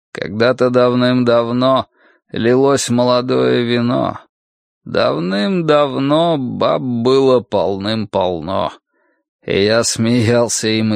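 A man reading an audiobook slowly recites a song's lyrics as a weary, mournful middle-aged folk singer. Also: mid-range voice, creaky, no room sound, full character voice.

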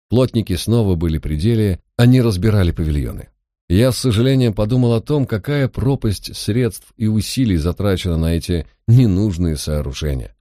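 Deep, dark-voiced male audiobook narrator. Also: dry recording, studio quality.

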